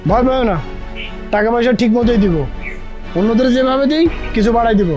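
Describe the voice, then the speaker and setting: A scornful rude younger brother. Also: male voice, very high-pitched, fairly quick. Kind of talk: TV drama acting. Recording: music under the dialogue.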